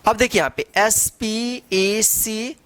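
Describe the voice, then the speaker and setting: A woman's voice: on the high side, fairly even intonation, unhurried, fairly bright tone, no echo. A woman teaching a phonics lesson, spelling out letters one by one and then reading the word. She repeats each word and asks rhetorical questions as she goes. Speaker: English teacher.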